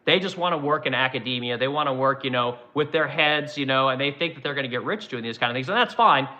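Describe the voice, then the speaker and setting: A man in his forties who owns a woodworking business chats casually on a livestream, answering viewers in a blunt, profane, rambling way. His medium-pitched voice is bright and forceful, and he talks quickly, though the recording sounds muffled.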